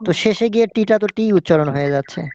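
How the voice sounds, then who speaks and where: A man's voice: high voice, expressive, rapid-fire, a little mellow, dry recording, lo-fi sound. A man, a student, politely asking his teacher a question in a live online class.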